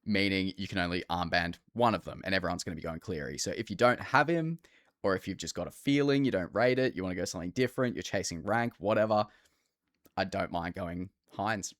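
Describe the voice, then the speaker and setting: A man's voice: low voice, fairly quick, fairly bright tone, no room sound, clean studio sound. An Australian man co-hosting a podcast, talking casually about sport over a call. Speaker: fantasy rugby league podcast co-host.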